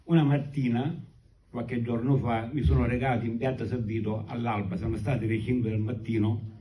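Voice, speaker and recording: A man in his sixties with a Sicilian accent, speaking solemnly and deliberately in short phrases as a poet addressing a live event. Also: mid-range voice, fairly even intonation, warm tone, recorded from a distance, a little hiss or hum, low-quality recording. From Sicily, Italy. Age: 60s. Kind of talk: live address and poetry recitation. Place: public evening event, speaking to an audience.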